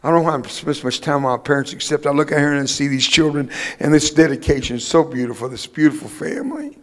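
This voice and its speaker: In a church sanctuary, a guest preacher, an older man whose first language was Spanish, delivers a folksy sermon full of humorous personal stories. His voice is fairly high, animated, fast and a bit bright, and the room sounds big. He moves between funny storytelling and emphatic preaching.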